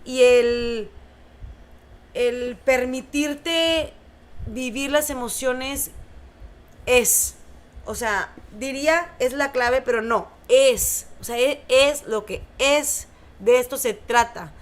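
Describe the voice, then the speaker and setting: A Mexican woman hosting a podcast, telling a personal story in an animated, casual way with many fillers. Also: high-pitched, slow pace. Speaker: podcast host. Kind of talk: casual chat.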